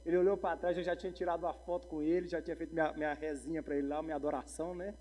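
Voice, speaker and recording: A pastor, preaching a sermon full of humorous stories and calls to the congregation. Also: male voice, on the high side, flat delivery, very fast, mellow. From Brazil. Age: 40s. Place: church sanctuary. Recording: long church hall reverb.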